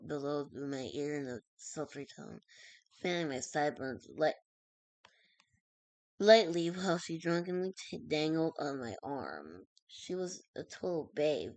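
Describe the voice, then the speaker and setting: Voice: mid-range voice, darkish tone, no room sound. A streamer reading a web story aloud, stumbling over words, correcting themselves and dropping in casual asides.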